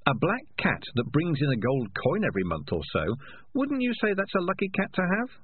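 A man's voice: fairly high pitch, huge pitch swings, fairly quick, husky, phone-quality sound, pitched above the performer's own voice, heavily acted. A man voicing a sly, self-satisfied young tomcat in a storybook reading, raised above his usual voice. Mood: smug scheming. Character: scheming young male tomcat, smug and sly.

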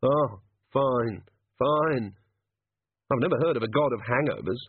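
A man reading a brisk, dry young woman. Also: medium pitch, no room sound. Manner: crisp, sharp, dry. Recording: tinny phone-like audio.

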